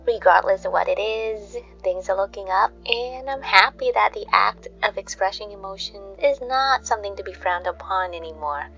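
A woman in her thirties hosting a sleep podcast, talking to listeners in a soothing, calming sleep story narrator manner. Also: mid-range voice, moderate pace, vocal fry, hardly any pauses. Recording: dull lo-fi sound, faint music behind.

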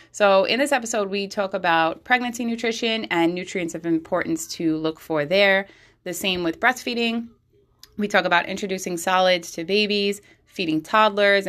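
A young woman hosts a podcast from a bathroom at home. Her voice sits slightly low for a woman. She talks casually and with clear enthusiasm, as if introducing a show to regular listeners. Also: fairly bright tone. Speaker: podcast host.

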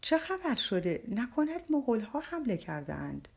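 A woman's voice: fairly low pitch, lively intonation, gravelly, darkish tone, husky, heavily acted. A woman voicing a touchy, defensive drunk man who frequents a tavern, in a storybook reading. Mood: alarmed. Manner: defensive, quick to take offence.

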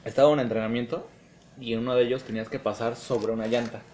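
A man's voice: medium pitch, fast talker, a little hiss or hum. A young man with a Mexican accent, co-hosting a casual podcast and telling stories with plenty of laughter. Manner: laughing, animated storytelling. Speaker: podcast co-host. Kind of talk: casual chat, storytelling.

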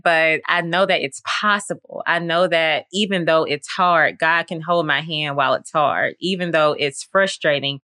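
A woman's voice: sits low, pushed and bright, clean tone, dry recording, studio quality. A woman hosting a faith podcast, talking earnestly and conversationally with lots of fillers. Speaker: podcast host.

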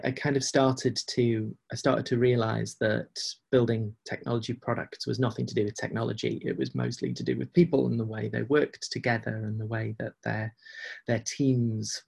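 A man's voice: medium pitch, vocal fry, darkish tone, breathy edge. A man in casual, reflective conversation as an interview guest, speaking hesitantly and often repeating phrases as he goes. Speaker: podcast guest, agile coach.

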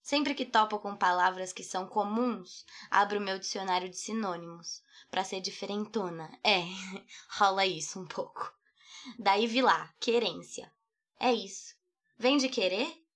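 Unhurried and a bit bright, a medium-pitched female voice with a Brazilian Portuguese accent delivers scripted personal narration. The speaker is a young Brazilian artist, poet and podcast host, musing reflectively, playfully and poetically.

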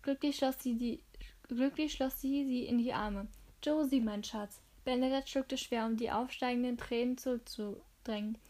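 A woman reading a novel aloud in steady scripted narration, with occasional slips. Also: on the high side, moderate pace. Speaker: audiobook narrator.

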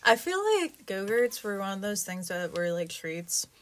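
A young vlogger chats casually and rambles while recording inside a small closet at home. Her voice is medium-pitched at a normal speed, with light background noise behind it.

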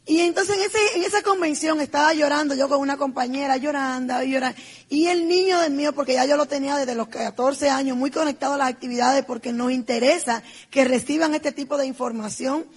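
A woman's voice: sits high, steady tone, a little fast. A middle-aged woman from the Republic, telling a heartfelt personal testimony in an emphatic, repetitive storytelling manner. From Dominican Republic. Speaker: business speaker.

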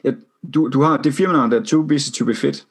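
A man's voice: mid-range voice, slightly rough. A man appearing as a podcast guest, reflective and hesitant, with many fillers. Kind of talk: casual podcast conversation.

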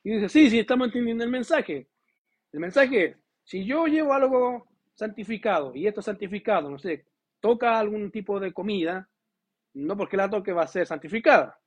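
Husky high-voiced pastor preaching. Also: male voice, normal speed. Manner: conversational preaching, asks the congregation questions; lively, voices God and biblical figures in quoted dialogue. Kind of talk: sermon. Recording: dull lo-fi recording.

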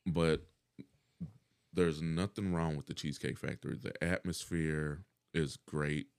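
A man's voice: rumbling low, steady tone, measured pace, creaky, smooth, no echo, clean studio sound. A middle-aged man chatting casually as a podcast guest, laid-back and profane, laughing often.

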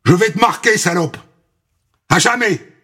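A man's voice: moderate pace, breathy edge. A man voicing a cruel, shrieking foster mother who spits insults. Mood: vicious. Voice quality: shrill, spiteful.

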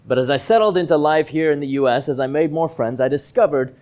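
A man in his thirties from Hong Kong, a pastor giving a measured, earnest, reflective sermon. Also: fairly high pitch, darkish tone, lo-fi sound. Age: 30s.

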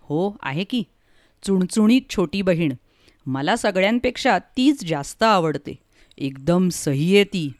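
Brief: a soft, hesitant kind man, as a woman storyteller puts him on, no room sound. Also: mid-range voice, lively intonation, a little slow, no echo, clean studio sound, lightly acted. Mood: tender. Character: gentle adult man, kind older-brother type.

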